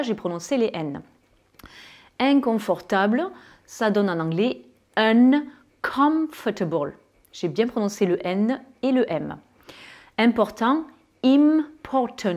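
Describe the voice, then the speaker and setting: A woman with a southern French accent teaching English pronunciation to French speakers, with many fillers and pauses, who draws out her English example words. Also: medium pitch, darkish tone, dull audio. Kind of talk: spoken lesson.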